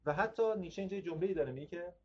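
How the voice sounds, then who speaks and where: A man lecturing on philosophy in a measured, reflective way, reading passages aloud and often restarting words. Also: high voice, darkish tone, husky, muffled recording.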